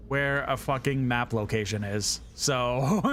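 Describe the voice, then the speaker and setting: A man streaming a horror game, chatting in a relaxed, casual way and reading viewer messages aloud. His voice sits at a medium pitch with a little faint noise underneath. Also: normal speed. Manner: relaxed, chatty, swears, reads chat aloud.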